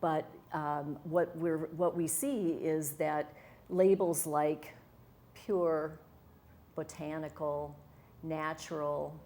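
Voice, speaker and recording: Her low-pitched voice stays fairly level in pitch and moves slowly, with a warm tone. She is a middle-aged wellness coach from Wisconsin, USA, appearing as a guest in a conversational interview and speaking earnestly and enthusiastically, with fillers and restarts.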